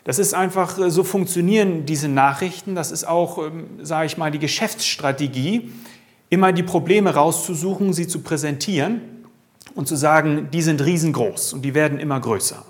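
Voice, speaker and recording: A man preaching a sermon with an emphatic delivery that swings from raised lines to hushed ones. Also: a little high, normal speed.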